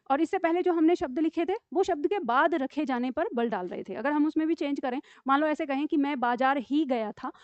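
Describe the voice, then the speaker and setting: High-voiced woman teaching grammar. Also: a little mellow, no echo. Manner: explains step by step, often asks "ठीक है?"; dictates example sentences slowly. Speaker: Hindi teacher. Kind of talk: classroom grammar lesson. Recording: dull lo-fi dry room sound.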